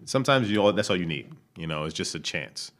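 A man's voice: low-pitched, lively intonation, quick pace, fairly bright tone. A man chatting casually about football, laid-back and full of "you know" fillers, with the odd swear. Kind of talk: casual sports chat.

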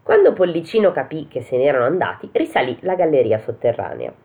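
A woman with a low voice and lively, swooping intonation reads a fairy tale aloud, stopping often for playful asides. The sound is thin and tinny, like a phone line. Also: quick pace. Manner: joking, breaks off to comment and laugh. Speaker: storyteller and co-host. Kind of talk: reading a fairy tale aloud with casual banter.

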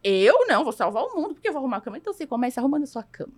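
A woman's voice: sits high, big pitch swings, rapid-fire, darkish tone. A woman with a Brazilian accent speaking emphatically as a guest in a podcast conversation, lecturing on parenting and acting out quoted voices. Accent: Brazilian Portuguese.

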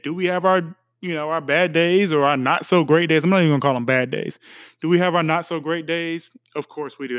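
Young guy on a podcast, smooth clear voice, dry sound, laid back with lots of ums. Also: fairly high pitch, dry recording. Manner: relaxed, reflective, with many fillers and restarts. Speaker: podcast co-host. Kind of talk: casual chat.

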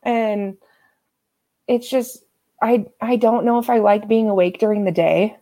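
A woman in her late twenties who works in corrections admin, laid-back and quick to laugh in casual podcast chat. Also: mid-range voice, steady tone, dark tone. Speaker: correctional facility admin worker.

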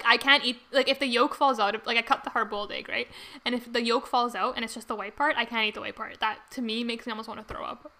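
A woman's voice: a little high, creaky, pushed and bright. A young woman co-hosting a podcast, chatting casually with a friend, giggly and full of fillers. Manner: bubbly, giggly, lots of fillers. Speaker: podcast co-host. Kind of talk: casual chat.

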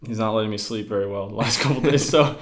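Man, podcast host, casual chat, slightly low voice, easygoing, quick to laugh. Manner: relaxed, chatty, laughs easily.

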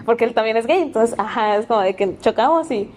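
A woman's voice: a little high, lively intonation, fast, a little mellow, a little hiss or hum. A woman with a Mexican accent, a podcast guest chatting casually, easygoing and slangy. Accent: Mexican Spanish. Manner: easygoing, laughs often, slangy. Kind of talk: casual chat.

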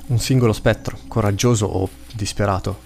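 A man narrating a fantasy story in a measured, dramatic reading. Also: on the low side, fairly even intonation, gravelly, a little mellow, a little hiss or hum.

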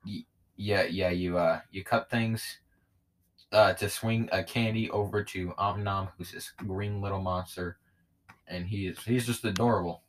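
A man with a somewhat low voice co-hosts a laid-back chat show. He rambles from one thought to the next and cracks jokes in gamer slang, keeping things loose. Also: fairly even intonation, measured pace, a little hiss or hum. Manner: rambling, jokey gamer banter. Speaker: podcast co-host. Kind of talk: casual chat.

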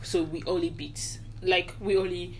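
A woman's voice: fairly low pitch, steady tone, moderate pace, a little hiss or hum. A young woman from Nigeria co-hosting a casual podcast, telling her story in an earnest, reflective way. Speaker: podcast co-host. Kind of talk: casual chat.

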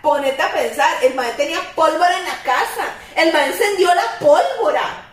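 A young Costa Rican woman chatting casually as a podcast co-host, expressive and slangy, laughing often. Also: extremely high pitch, moderate pace. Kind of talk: casual chat. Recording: very echoey room, far from mic.

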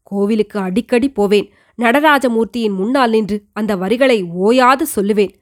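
Elderly pious queen mother, read by a woman for an audiobook. Slightly high voice, earnest and measured. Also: close to an everyday voice. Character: elderly devout queen mother confiding in her son. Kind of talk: audiobook reading of a historical novel.

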